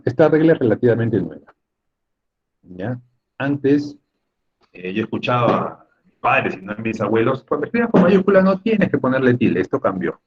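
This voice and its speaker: A man's voice: lowish voice, husky, highs cut off. A man teaching a spelling lesson in an online class, chatty and joking with his students over a computer mic.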